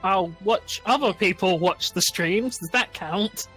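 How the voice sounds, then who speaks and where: A woman's voice: medium pitch, measured pace, over music. A woman co-commenting on a fighting game playthrough with dry, sarcastic asides. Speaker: let's play co-commentator. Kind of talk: casual gaming chat.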